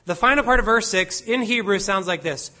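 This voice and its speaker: Guy preaching slow and careful, hits every word, pretty high clear voice. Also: pushed and bright. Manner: slow and deliberate, stressing each word, reads Hebrew and Latin aloud. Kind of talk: expository sermon.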